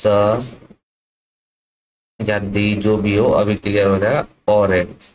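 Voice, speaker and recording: A man's voice: on the low side, level tone, slow pace, rough recording. A man teaching an English grammar lesson, asking his class questions and answering them himself. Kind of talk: classroom lesson explaining at a board.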